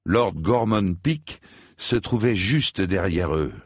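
A man reading a fantasy novel aloud in measured, grave storybook narration. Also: deep voice, lively intonation, husky, no echo, studio quality. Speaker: audiobook narrator.

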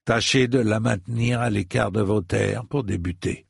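A man reading a story and voicing a proud, indignant old knight with high, shrill outbursts. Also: normal speed, gravelly, breathy edge, no room sound, clean studio sound, heavily acted. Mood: bitter.

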